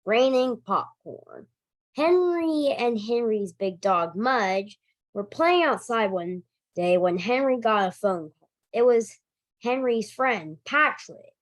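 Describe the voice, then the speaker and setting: At an unhurried pace, a woman who directs a library reads a picture book aloud for small children. She stresses words expressively, lets her pitch move around freely, and occasionally trips on a word during this animated storytime.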